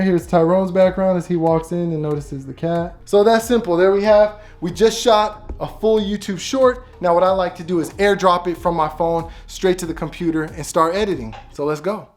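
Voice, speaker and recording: A man's voice: fairly high pitch, a little mellow. A man casually explaining how he films and edits his videos, thinking aloud as he goes, recorded on a phone. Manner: casual, offhand talk, thinking aloud while filming. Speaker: YouTuber making animated shorts. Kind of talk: casual behind-the-scenes explanation.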